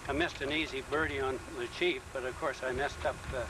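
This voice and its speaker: A man with a medium-pitched voice gives casual, somewhat hesitant golf commentary. He is outside on the course, and strong rumbling noise runs under the whole recording. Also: fairly even intonation, fairly quick. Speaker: golfer and amateur commentator. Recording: very noisy outdoor recording, vehicle rumble.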